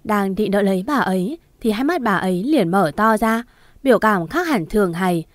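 A woman reads a first-person story aloud, steady and measured. Her voice has a mid pitch and is recorded dry and close, with no room sound. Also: no room sound. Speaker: narrator.

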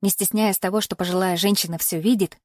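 A woman reads a mystical thriller in the first person, with a measured and even delivery. Her pitch is mid-range for a woman, and the recording is dry and close with no room sound. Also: no echo. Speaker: audiobook narrator. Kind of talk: scripted first-person narration.

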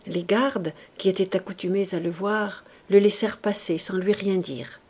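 A woman giving an expressive, dramatic audiobook reading of a classic novel, with music behind. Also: medium pitch, normal speed, husky. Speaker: audiobook reader.

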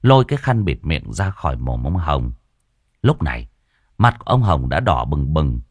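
A man narrating a ghost story in a dramatic, expressive way. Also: a bass voice, moderate pace, husky, no echo, lo-fi sound. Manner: dramatic, expressive storytelling with coarse folk curses.

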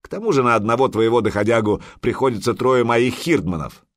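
A man's voice: medium pitch, brisk, no echo, studio quality, natural voice. A man voicing a proud, hot-tempered Viking jarl who roars his commands. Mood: commanding. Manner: roaring, forceful commands.

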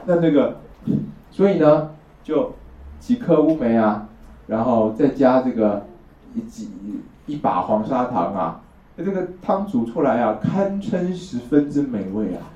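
Somewhat slow yet animated, a man lectures on traditional Chinese medicine in a warm, mid-range voice. He explains step by step and regularly checks whether his listeners agree, recorded from afar in a roomy lo-fi classroom setting.

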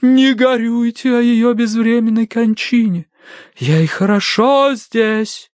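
A man reading an audiobook voices an imperious woman spirit medium who speaks in a slow, hoarse, eerie howl. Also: very high-pitched, dry recording, pitched above the performer's own voice. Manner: slow, commanding pronouncements. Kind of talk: audiobook character voice.

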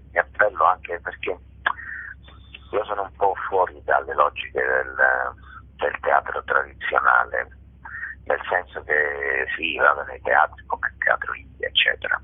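Heard through a narrow, tinny phone or radio line with no room sound, this man's rumbling low voice carries a breathy edge. He is a southern Italian theatre author, director and actor from Basilicata, speaking emphatically in an interview about his stage work, storytelling with passion and repeating phrases for effect.

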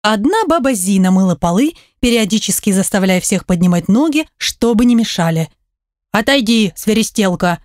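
A woman narrating an audiobook in an even storytelling voice. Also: medium pitch, brisk, hardly any pauses, no room sound, studio quality. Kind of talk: scripted narration.

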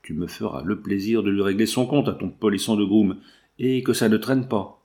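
A man's voice: lowish voice, moderate pace, mellow, natural voice. A man reading aloud, putting on the voice of a bold, cheeky red-haired young showgirl who scolds and teases. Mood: indignant. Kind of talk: audiobook reading.

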